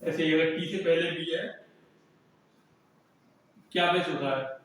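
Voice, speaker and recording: A man's voice: fairly high pitch, fairly even intonation, slow pace, fairly bright tone, slight background noise. A male teacher giving a classroom lesson who keeps asking and answering his own questions. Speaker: English teacher. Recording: echoey room, mic far off.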